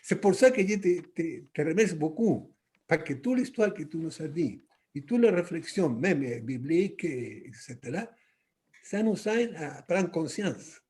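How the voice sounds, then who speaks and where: A man with a Latin American Spanish accent speaks halting non-native French, searching for words and repeating himself as he reflects at a church workshop. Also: fairly high pitch, animated, darkish tone.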